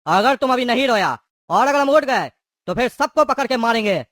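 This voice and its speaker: Performer as a cartoon thug man: menacing, mocking, threatening; mid pitch, dry read. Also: expressive, normal speed, fairly bright tone, no room sound, natural voice. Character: menacing male thug prisoner called Psycho Genda. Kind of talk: cartoon voice acting.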